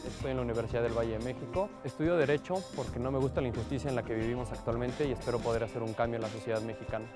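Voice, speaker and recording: A man's voice: mid-range voice, steady tone, rapid-fire, over music. A man in his twenties, a law student, introducing himself earnestly. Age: 20s.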